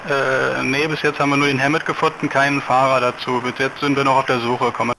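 A man's voice: mid-range voice, level tone, fast, vocal fry, background noise. A man playing a police officer in a game, giving terse radio callouts over a walkie-talkie with hesitant fillers.

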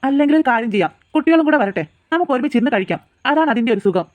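A woman's voice: high-pitched, expressive, very fast, no echo. A woman voicing an easygoing cartoon father who coaxes his daughters and teases his wife. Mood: teasing. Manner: coaxing, gently teasing.

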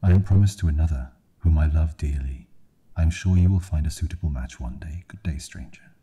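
A man's voice: extremely low pitch, fairly quick, mellow, slightly rough, full character voice. A man voicing a defiant young farm woman. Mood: polite. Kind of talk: ASMR storytelling.

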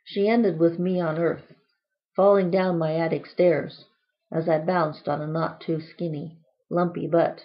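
A woman with a voice on the low side for a woman reads from her own book in a steady, unhurried tone. She gives it a playful, whimsical lilt and adds lots of quirky asides, though the recording sounds dull and lo-fi.

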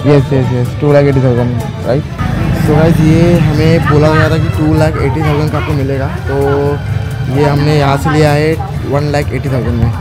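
A man's voice: fairly high pitch, steady tone, moderate pace, loud music behind the voice. Chatty young Indian man touring a market. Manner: chatty, pointing things out to viewers. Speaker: travel vlogger. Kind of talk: walking-tour vlog. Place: busy outdoor and covered market. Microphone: handheld camera at arm's length.

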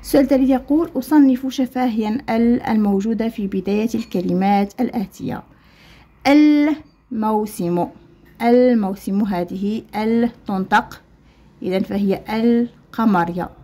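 A woman's voice: mid-range voice, warm tone. Moroccan woman teaching Arabic letter sounds. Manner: slow, deliberate spelling out of sounds, mixing standard and Moroccan Arabic. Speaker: primary school Arabic teacher. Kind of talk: explaining a textbook lesson to children.

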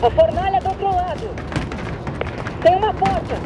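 A woman's voice: extremely high pitch, normal speed. An actress voicing a female resistance fighter who gives terse, urgent directions over a helmet radio, in a dubbed video game. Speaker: soldier. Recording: muffled radio over loud battle noise.

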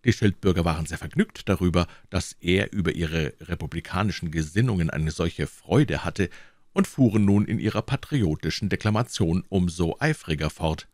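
A man narrating a classic tale in a measured, expressive reading. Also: deep voice, dry recording, studio quality. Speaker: audiobook reader. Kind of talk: storybook narration.

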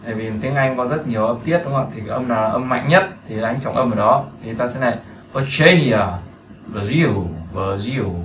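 A man's voice: mid-range voice, fairly bright tone, roomy sound, slight background noise. A man teaching a beginner English lesson, explaining patiently and often checking that listeners follow. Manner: patient, repetitive explaining with frequent check-in questions.

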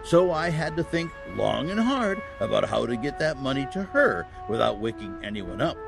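An actor playing a kindly, patient old Saint Nicholas as Santa in a family audio drama, telling stories with a gently halting, chuckling manner. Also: male voice, medium pitch, big pitch swings, vocal fry, over music. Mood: jovial storytelling.

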